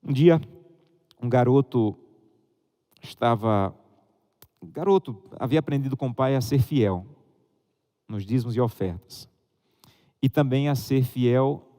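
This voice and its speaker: A man's voice: unhurried, pauses often, in a large hall. A Brazilian man preaching a sermon, telling stories and acting out the voices of the people in them. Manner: animated storytelling, acting out a child's high excited voice. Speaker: pastor. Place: church hall.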